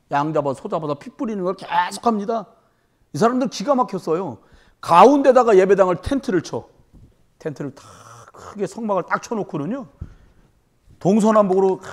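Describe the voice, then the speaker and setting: Animated woman pastor preaching. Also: medium pitch, moderate pace. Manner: animated preaching with rhetorical questions to the congregation. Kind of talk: sermon. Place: church service.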